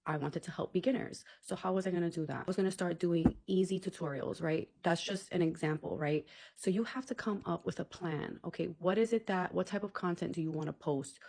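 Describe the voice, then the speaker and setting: A woman with a fairly low voice rattles through advice at a quick clip. She talks to camera like a content creator, casual and blunt, dropping swear words and "like" as she goes. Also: gravelly, darkish tone. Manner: chatty, blunt, casual swearing, frequent "like" and "okay?".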